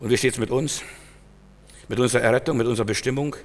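A man preaching an emphatic sermon, swinging from loud exhortation to quiet, searching questions. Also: mid-range voice, fast. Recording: long hall reverb.

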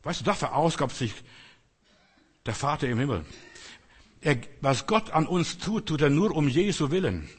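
Older preacher, earnest and pushy, kinda high and husky. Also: male voice, expressive, normal speed, pauses often. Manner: earnest, emphatic exhortation with rising outbursts. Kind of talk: sermon. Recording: long reverb in a hall.

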